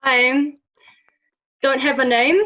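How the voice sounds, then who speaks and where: Higher-voiced woman, calm, muffled call. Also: slow, slight background noise. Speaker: player. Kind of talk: casual chat at a tabletop game. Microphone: video call. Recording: slightly muffled video-call audio.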